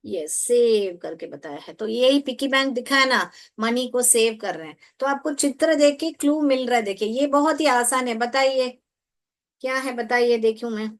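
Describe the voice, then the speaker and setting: A woman's voice: a little high, normal speed. A woman leading an online teaching workshop, coaxing her audience and spelling out letters one by one. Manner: coaxing, repeats prompts, spells letters aloud. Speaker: teacher trainer.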